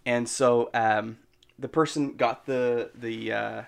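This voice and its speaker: A man co-hosting an indie film podcast, telling an anecdote in a halting way and often repeating words. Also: medium pitch, fairly even intonation, creaky. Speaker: podcast co-host. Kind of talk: casual chat.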